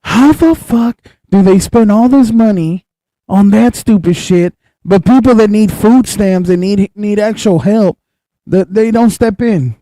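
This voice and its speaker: A young man co-hosting a casual chat show, talking in an animated, excitable way and swearing freely. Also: high-pitched, a little slow, no room sound. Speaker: co-host.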